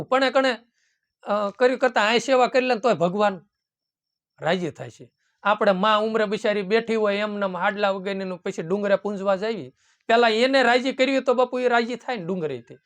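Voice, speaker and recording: A man's voice: sits high, a bit bright. A man preaching a devotional sermon in a folksy way, often calling his listeners "bapu" and quoting hymn verses. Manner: folksy, keeps addressing listeners as "bapu" and "ram". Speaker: satsang preacher.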